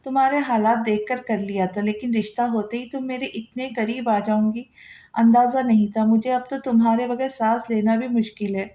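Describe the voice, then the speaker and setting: Romance audiobook: a gentle, earnest young husband, read by a woman, mellow tone, roomy dull recording. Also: on the high side, steady tone, moderate pace, natural voice. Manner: tender, soothing.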